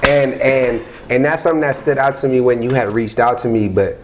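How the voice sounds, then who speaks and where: A man's voice: mid-range voice, a little fast, background noise. Laid-back rapper guy chatting. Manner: laid-back, rambling, frequent "you know what I mean". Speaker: rapper guest. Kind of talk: casual chat.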